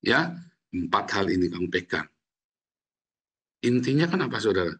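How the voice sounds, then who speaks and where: A male pastor from Indonesia preaching a lively, joking sermon that addresses his listeners directly. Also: lowish voice, normal speed, husky.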